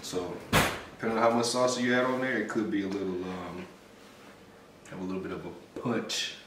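A man's voice: sits low, fairly even intonation, normal speed, recorded from a distance, heavy background noise. Laid-back man in an echoey kitchen. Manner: laid-back, explains step by step. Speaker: co-host cooking. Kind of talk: casual cooking vlog chat. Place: home kitchen, indoors. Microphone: camera mic from a few feet away.

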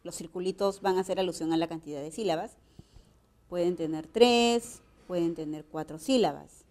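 A woman with a Peruvian Spanish accent, teaching a grammar lesson in a slow, explanatory way and checking in with rhetorical questions. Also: lowish voice, darkish tone.

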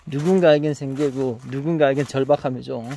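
A man's voice: mid-range voice, creaky, mellow, slight background noise. A man with a Gyeongsang accent, a crop consultant talking through a field visit, questioning and teasing as he coaches. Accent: Gyeongsang Korean. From Gyeongsang region, Korea. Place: outdoors in a farm greenhouse.

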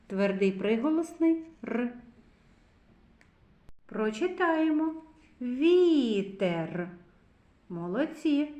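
Preschool teacher lady, sing-songy, kinda high voice, roomy echo. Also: a little mellow. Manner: slow, clear, sing-song teacher's voice. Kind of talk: children's literacy lesson.

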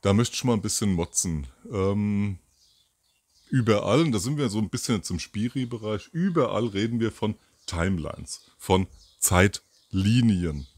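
Hosting a commentary show, a man in his fifties speaks casually and alone outdoors by a garden, rambling with many fillers and self-corrections. A mic with a furry windscreen sits near the camera. His voice is fairly low and darkish, a little slow, with no echo.

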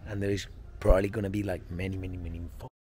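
A young man from Spain with a Spanish accent, speaking English in a loud, boastful way and swearing a lot. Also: deep voice, little pitch movement, racing, slight background noise. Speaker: friend on the trip.

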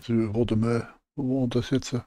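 A man's voice: medium pitch, little pitch movement, unhurried, warm tone. A man doing casual live commentary as a game streamer, thinking aloud and muttering to himself.

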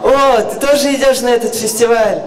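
A young performer playing an excitable cartoon monkey sidekick in a stage parody of a children's show, calling out in exclamations. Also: mid-range voice, normal speed, natural voice. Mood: curious, excited. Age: young adult. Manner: exclamatory, alarmed calls. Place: large theatre stage, filmed from audience. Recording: echoey hall from far off, loud music, crowd.

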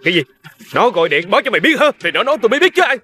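A shouting, hot-headed gangster. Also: male voice, high voice, sing-song, racing, full character voice. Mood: heated. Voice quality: shouting, heated, abrasive. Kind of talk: crime drama acting.

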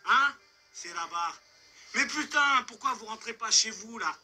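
An actor playing a menacing, sadistic bigoted male concierge who taunts his victim, shifting from soft coaxing threats to shouts. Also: high-pitched, animated, a little slow, slight background noise, exaggerated voice. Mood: taunting. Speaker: racist concierge attacking a man.

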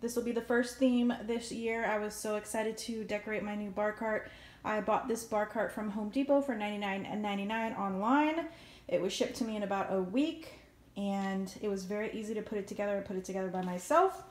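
A woman's voice: mid-range voice, steady tone, brisk, reverberant. A woman vlogger casually showing her home decorations, chatty and upbeat, listing where she bought each item and what it cost. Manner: chatty, upbeat, lists prices and stores. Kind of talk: casual show-and-tell narration. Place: indoor room at home.

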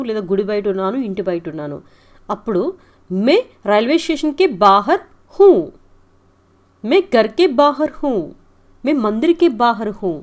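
A woman teaching a spoken language lesson. She says each sentence, repeats it slowly and mixes in English glosses. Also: mid-range voice.

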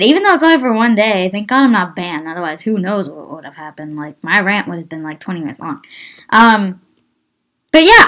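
A woman ranting casually in a vlog, exasperated and full of "like" and "bruh", her voice jumping high when she gets upset. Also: a bit bright. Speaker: gaming channel host.

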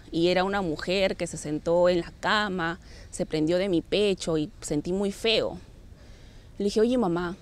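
A woman with a Peruvian accent recounting a personal paranormal experience in the first person, vividly acting out quoted voices and dropping to a hush at tense moments. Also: medium pitch, gravelly. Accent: Peruvian Spanish. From Peru.

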